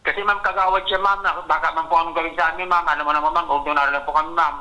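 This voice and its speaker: A man with a Bicol accent answers questions on a radio program, his voice bright and tense. He talks fast but haltingly, stumbling and adding "ma'am" after nearly every phrase. The sound has a broadcast quality. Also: a little high, steady tone, lo-fi sound. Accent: Filipino, Bicol region. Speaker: complainant.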